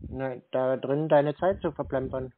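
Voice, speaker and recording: A man acting as a scambaiter needles the person on the other end of a call in a laconic, unruffled way during a casual, argumentative phone chat. His voice is medium-pitched, steady and unhurried. The phone call recording is narrowband, with noise and clicks.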